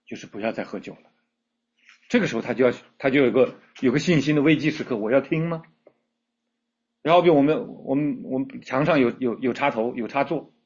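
A man's voice: mid-range voice, fairly quick, pauses often, a little mellow, breathy edge, highs cut off. A man preaching a sermon in a church, earnest, repeating his words and asking the congregation questions. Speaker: pastor.

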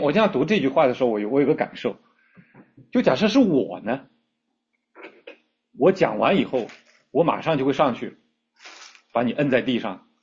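A man's voice: mid-range voice, darkish tone, slightly rough, muffled recording. A man preaching a sermon in a church, earnest, repeating his words and asking the congregation questions. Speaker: pastor.

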